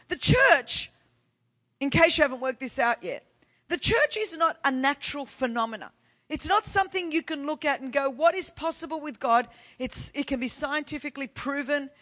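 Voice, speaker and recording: High-pitched bright Australian woman preacher. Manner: emphatic, rising to loud exhortation. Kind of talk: sermon.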